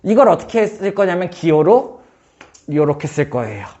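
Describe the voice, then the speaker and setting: A man teaching math in a casual one-on-one lesson, firing quick questions at his student and joking. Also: high-pitched, sing-song, mellow, highs cut off. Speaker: math tutor.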